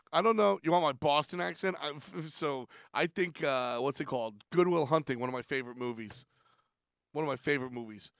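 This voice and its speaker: A man's voice: medium pitch, gravelly, fairly bright tone, clean tone, no echo, clean studio sound. A man hosting a weekly stream show, rambling through casual commentary in a playful, self-deprecating way.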